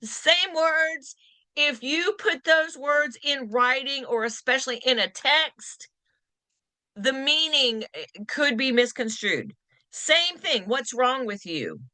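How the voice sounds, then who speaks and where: A woman teaching a continuing education class for real estate agents, emphatic and lively, slowing down to stress her points. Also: sits high, no room sound. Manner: lively, acts out quoted lines in varied voices.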